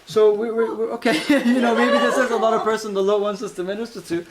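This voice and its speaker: Animated Iranian-born man telling a testimony. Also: high-pitched, quick pace, a loud crowd. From Iran. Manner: animated, laughs often, acts out voices in quotes; repeats words and restarts. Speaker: guest giving a testimony. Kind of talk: casual storytelling testimony.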